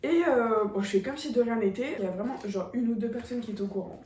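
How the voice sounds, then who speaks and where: A woman's voice: fairly high pitch, quick pace, dark tone, far from the mic, slight background noise. Woman rambling stories, a little off mic. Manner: rambling storytelling with many fillers. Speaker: vlogger's sister, co-host. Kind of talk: casual chat over a meal. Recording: echoey room, a bit off mic.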